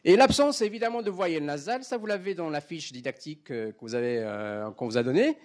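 Guy lecturing a class, voice jumps up and down a lot, kinda high for a man. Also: animated, brisk. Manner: checks in often with the class, demonstrates sounds aloud.

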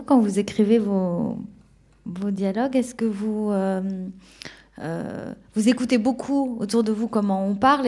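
Female moderator, warm tone, inquisitive. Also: medium pitch. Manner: probing questions. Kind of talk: panel moderation.

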